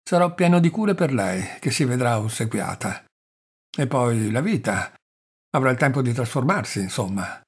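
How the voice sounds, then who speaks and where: A man's voice: medium pitch, animated, normal speed, breathy edge. A man reading a fawning, obsequious middle-aged husband in an audiobook, speaking in a plaintive, pleading way. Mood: eager.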